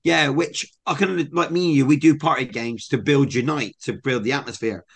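In a creaky, slightly rough mid-range voice, a young Englishman co-hosting a podcast spins stories at a moderate pace. The chat is casual, and his storytelling is lively and upbeat.

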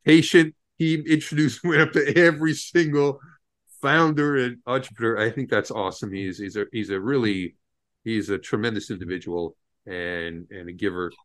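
A podcast host with a lowish voice talks at a moderate pace with fairly even intonation. He's casual and enthusiastic, laughing often and restarting his sentences.

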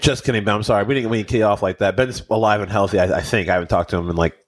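A young man with a fairly low voice chats casually as a podcast co-host, rambling from one thought to the next. He stumbles, restarts and pokes fun at himself as he goes, recorded in a small home office room. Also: fairly even intonation, racing. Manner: rambling, self-deprecating, stammers and restarts. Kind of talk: casual chat.

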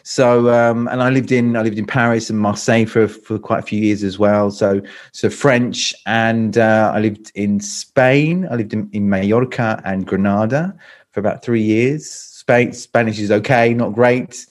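His voice is fairly low, his tone steady and his pace measured: a middle-aged British-accented speaking coach from London talking casually as a video call guest. The interview chat is full of hesitation, with many repeats and restarted sentences.

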